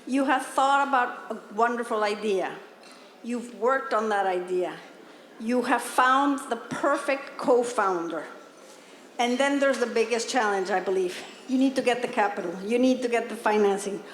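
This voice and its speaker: A woman from Mexico asking a panel a polite, somewhat halting question. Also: fairly high pitch. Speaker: audience member asking a question. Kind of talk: audience question. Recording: echoey hall, long reverb.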